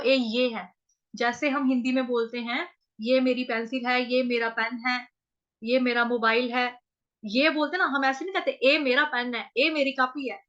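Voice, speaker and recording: A woman with a North Indian accent teaching Sanskrit verse recitation, drilling each syllable slowly and repeating it several times. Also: high-pitched, bright, forceful tone, dull audio. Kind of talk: chanting lesson, syllable by syllable.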